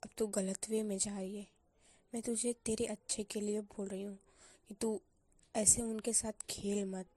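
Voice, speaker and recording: A woman's voice: mid-range voice, level tone, measured pace, mellow, no room sound, close to an everyday voice. A woman voicing a blunt caring best friend. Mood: firm. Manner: firm, coaxing, lecturing. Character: young female college student, a caring blunt best friend. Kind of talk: storyteller voicing a character.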